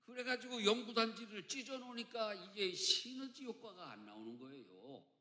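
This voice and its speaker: Emphatic pastor preaching in an echoey church. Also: male voice, high-pitched, lively intonation, moderate pace. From Chungcheong, Korea. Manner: emphatic preacher with big swings between loud and soft, joking. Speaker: senior pastor. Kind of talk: sermon. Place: church sanctuary.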